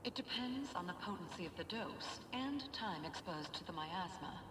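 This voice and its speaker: A woman's voice: on the low side, expressive, moderate pace, reverberant, long reverb tail, noisy background, lightly acted. A woman playing an earnest, cautious novice scholar in a video game, polite and formal. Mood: hesitant, concerned. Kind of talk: scripted game acting.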